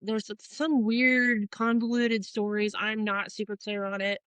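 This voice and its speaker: A woman's voice: mid-range voice, level tone, a little slow, fairly bright tone, clear, resonant tone, dry recording, poor audio. Middle-aged woman, tattoo artist guest, rambling, curses freely, fillers, dry close mic. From Portland, Oregon, US. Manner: rambling, profane, many fillers and restarts. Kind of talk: casual interview storytelling.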